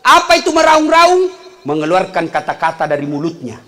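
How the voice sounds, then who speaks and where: High-voiced middle-aged guy preaching, super lively, jumps from loud calls to quiet jokes. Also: fairly quick. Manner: animated storytelling, swings between loud calls and low asides. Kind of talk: humorous sermon to a live congregation.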